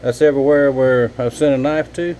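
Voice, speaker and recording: A man's voice: medium pitch, fairly even intonation, fairly quick, dark tone, a little hiss or hum, poor audio. Folksy man in his workshop. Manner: rambling, folksy, talks to viewers as y'all. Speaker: knifemaker. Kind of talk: casual vlog chat. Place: home workshop.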